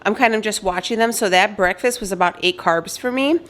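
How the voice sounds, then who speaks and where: A woman's voice: medium pitch, fairly quick, a bit bright. A young woman vlogger chatting loosely as she cooks in her home kitchen, filling her talk with "like" and "um", recorded by a camera on a tripod. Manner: chatty, loose, lots of fillers. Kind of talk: casual chat while cooking.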